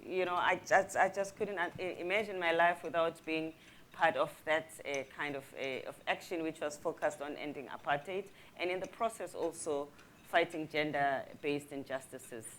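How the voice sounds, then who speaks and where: Low-voiced reflective woman on a panel. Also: fairly bright tone, slight background noise. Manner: reflective, slow with many uh fillers. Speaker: panel guest. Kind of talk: panel discussion on stage.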